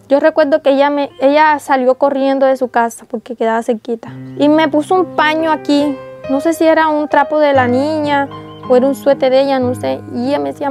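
A woman's voice: sits high, a little mellow. A young woman, giving an earnest, tearful testimony in an interview. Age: young adult. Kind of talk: emotional testimony.

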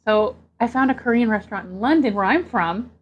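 A woman from Canada hosting her own mukbang video, chatting casually and getting excited over each dish as she unpacks it. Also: fairly high pitch, brisk, husky, dull audio. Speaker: mukbang host.

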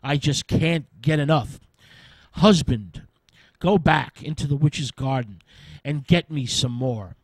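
A man's voice: fairly high pitch, slow pace, slightly rough, dry recording, rough recording. A man voicing a young wife in a fairy tale who craves a forbidden herb, speaking with pleading longing. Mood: demanding. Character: craving, desperate young wife.

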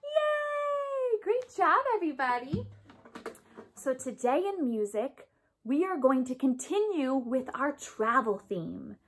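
A woman in her thirties leading a music lesson for young children, speaking in a broad, theatrical singsong with animated questions and encouraging call-and-response. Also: sits high, measured pace, husky. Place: small home room, indoors. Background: acoustic guitar she plays.

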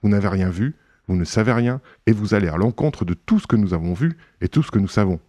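A man's voice: on the low side, lively intonation, quick pace, dark tone, no echo. A man reading an audiobook, voicing an aristocratic count who answers curtly and impatiently. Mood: irritated. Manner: impatient, irritable, curt.

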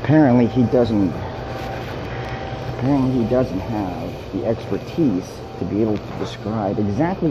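A man in his fifties grumbling and rambling casually to camera, often repeating himself. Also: on the low side. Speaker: vlogger. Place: outdoors, car window and laundromat. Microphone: phone held at arm's length. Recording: muffled handheld phone recording with hum.

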